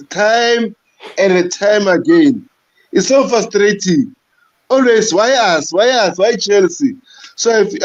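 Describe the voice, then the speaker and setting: A man speaking as a guest on a football live stream, frustrated and halting, repeating and stumbling over his words. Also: sits high, lo-fi sound. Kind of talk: casual football rant.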